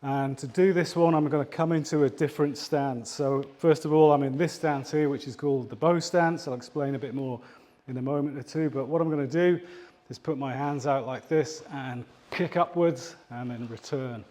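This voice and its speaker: A man's voice: medium pitch, steady tone, moderate pace, darkish tone. A man demonstrating tai chi kicks, explaining steps and counting reps while slightly out of breath. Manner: talks while moving, counting reps aloud. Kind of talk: instructional exercise demonstration.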